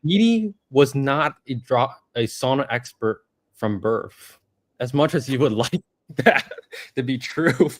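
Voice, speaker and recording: A man's voice: medium pitch, lively intonation, a little slow. A man hosting a casual livestream Q&A, reading viewer comments aloud in a laid-back way. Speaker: livestream host.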